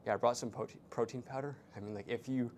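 A man's voice: mid-range voice, steady tone, fast talker, a little mellow, slight background noise. Laid-back young man vlogging from a gym. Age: young adult. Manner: laid-back, rambling with many fillers. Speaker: fitness vlogger. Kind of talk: casual vlog narration between sets. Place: small hotel gym, indoors. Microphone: small clip-on mic, camera at a distance.

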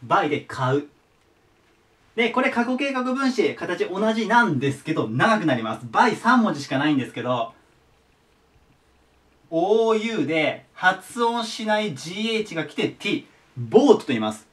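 A man's voice: sits high, big pitch swings, normal speed, fairly bright tone, far from the mic. A man teaching English verbs to students, patiently repeating each word form. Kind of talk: explaining English vocabulary to students.

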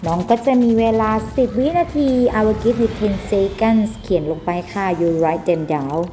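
A woman's voice: medium pitch, warm tone, a little hiss or hum. A woman with a Thai accent teaching an English phonics lesson to children, patient and mixing Thai with English. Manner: slow, patient, switching between Thai and English.

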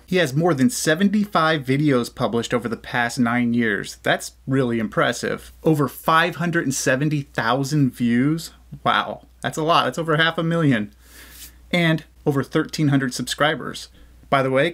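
With a mid-range, slightly bright voice, a man from the United States in his thirties sits at a desk in a small indoor room and records a relaxed reaction video on a condenser mic. His manner is upbeat and eager, praising things quickly.

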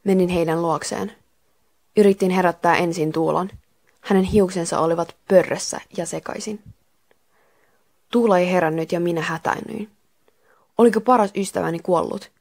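A woman reading a children's story aloud as calm, even first-person narration. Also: fairly low pitch, pauses often. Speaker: reader.

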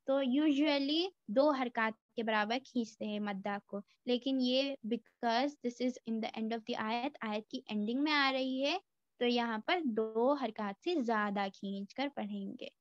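A woman teaching Quran recitation in a tajweed lesson, patiently explaining and slowly drawing out each word. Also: on the high side, no room sound, dull audio. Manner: slow, drawn-out demonstration of words. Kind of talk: tajweed lesson mixing Hindi and English.

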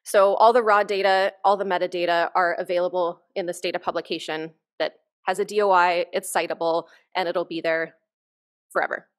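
A woman's voice: fairly low pitch, fairly even intonation, brisk. A woman researcher giving a conference keynote from a lectern, explaining her work in an enthusiastic, informal way. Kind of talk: conference presentation. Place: conference hall stage, at a lectern.

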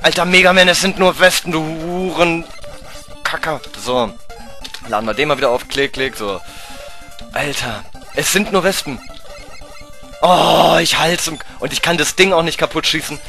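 A German-accented man playing through a game and talking the whole time, his voice bright and a touch high. He swears at the game and swings between low grumbling and yelps of panic. He sounds like he is at a home desk mic, with the game's music playing faintly underneath. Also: moderate pace, long pauses. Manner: excitable, swears at the game, swings from mutters to shrieks. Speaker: let's play gamer. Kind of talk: live gameplay commentary.

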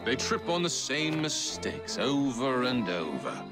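An actor playing a suave, menacing middle-aged Victorian villain, speaking in a slow, measured way as if leading a slow dance. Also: male voice, mid-range voice, wildly swooping pitch. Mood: suave menace. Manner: slow, measured, counting and philosophizing while slow dancing. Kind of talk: dramatic game cutscene acting. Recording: loud orchestral waltz music behind. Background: loud string dance music.

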